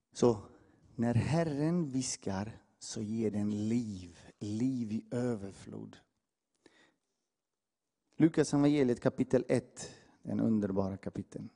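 Impassioned preacher man with a dark voice. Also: lowish voice, creaky. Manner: impassioned, swings from loud exhortation to hushed asides. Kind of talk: sermon.

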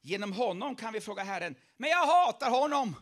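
A blunt old king full of scheming resentment, his lines rising to loud, emphatic bursts, put on by a man preaching a sermon. The voice sits high and swoops widely, and the tone is bitter. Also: big pitch swings, heavily acted. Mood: resentful.

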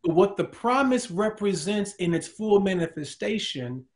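A male host of a faith talk show speaks in an emphatic, preacherly way. He turns to the audience as he makes his points, and his voice sits a little high for a man. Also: lively intonation, moderate pace, a little mellow.

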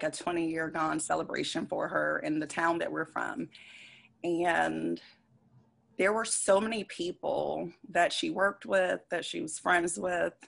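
A woman guest in an interview, speaking softly and hesitantly with many pauses. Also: lowish voice, creaky, breathy edge. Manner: soft-spoken, hesitant, many ums. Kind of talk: personal interview chat.

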